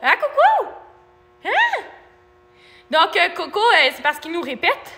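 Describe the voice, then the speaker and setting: A woman's voice: very high voice, huge pitch swings, takes it slowly, bright, forceful tone, in a large hall. A young Québécois woman presenting a parrot on a live stream, playful and laughing, cooing and singing to the bird. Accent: Québécois French. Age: young adult. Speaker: animal educator presenting a parrot.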